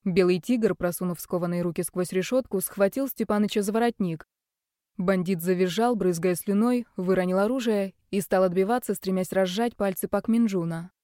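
A woman narrating an audiobook in a steady, expressive reading. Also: medium pitch, normal speed, dry recording, studio quality. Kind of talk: scripted narration.

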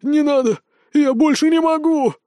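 A man's voice: high-pitched, normal speed, warm tone, no room sound, studio quality, pitched above the performer's own voice. A man voicing a frightened male villain, a lord of beetles, who pleads and begs in an audiobook. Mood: begging. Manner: pleading, panicky. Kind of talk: audiobook character voice.

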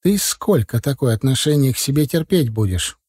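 A meddling middle-aged mother in an audiobook, scolding her daughter with bitter reproach, as a man reads her lines. The voice is mellow and warm. It is recorded dry and close. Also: medium pitch, expressive, moderate pace, breathy edge, dry recording. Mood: reproachful.

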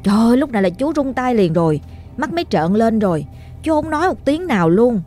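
A woman with a Southern Vietnamese accent, narrating a ghost story in an animated, exclamatory way. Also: on the high side, brisk, soft background music.

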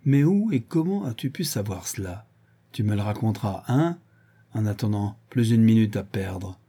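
A man's voice: lowish voice, animated, normal speed, breathy edge. A man voicing a brutal, drunken, grandiose male villain who rants and hurls insults, in an audiobook reading. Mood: scornful. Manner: ranting, exalted, shouting insults.

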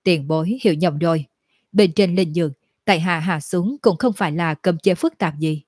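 A woman reading as a calm cunning young cultivator. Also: on the low side, moderate pace, breathy edge, dry recording, studio quality. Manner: composed, polite.

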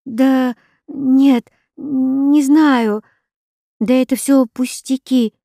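A woman's voice: high voice, fairly even intonation, extremely slow, vocal fry, warm tone, no echo, clean studio sound, voice pushed up, exaggerated voice. A woman voicing an anguished, defiant young boy in an audiobook, speaking in bitter, pleading outbursts.

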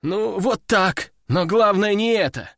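A flustered young duty soldier squealing shrilly in panicked excitement, as a male narrator puts him on. His voice shoots high and darts across a wide pitch range, close and dry in a storybook reading. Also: measured pace, dry recording, exaggerated voice.

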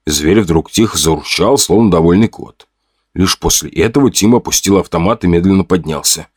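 Low-voiced male audiobook narrator. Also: moderate pace, no echo, studio quality. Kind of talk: scripted narration.

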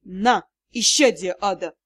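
A woman voicing a brash, cheeky male dragon in an audiobook, loud, teasing and mock-innocent. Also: mid-range voice, slow pace, voice pushed down.

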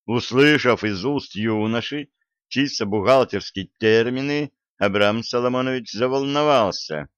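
A man reading a story aloud as narrator with lively storytelling. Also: mid-range voice, a little slow, smooth, no echo. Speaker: audiobook reader. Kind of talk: scripted narration. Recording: dull lo-fi dry recording.

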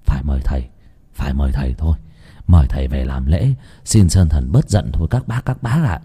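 A man voicing a grave older villager in a ghost story, urging the others in a low, quiet, urgent voice. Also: fairly quick, slightly rough, full character voice.

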